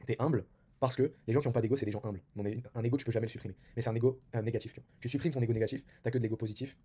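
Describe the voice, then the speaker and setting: A man's voice: medium pitch, fairly even intonation, very fast, warm tone, husky. A young man giving casual self-improvement advice, talking informally with many fillers and restarts.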